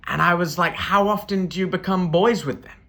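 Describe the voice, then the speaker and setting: British male comic host, bright tone, rambling and deadpan. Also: sits high, brisk, gravelly. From Britain. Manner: rambling, self-interrupting, deadpan asides. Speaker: comedian host. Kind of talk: stand-up storytelling.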